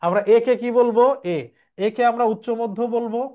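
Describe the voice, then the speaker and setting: A man's voice: very high voice, steady tone, moderate pace, muffled recording. A male teacher runs an exam revision lecture, explaining step by step and answering his own questions. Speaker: Bengali language teacher.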